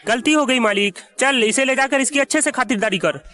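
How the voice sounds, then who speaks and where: A man's voice: very high voice, a little fast, heavy background noise. A man dubbing a comic skit, bickering, scolding and mock-indignant.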